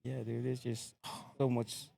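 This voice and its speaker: A young man from American Samoa, a podcast guest telling his story in a relaxed, laid-back casual chat. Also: mid-range voice, unhurried, vocal fry.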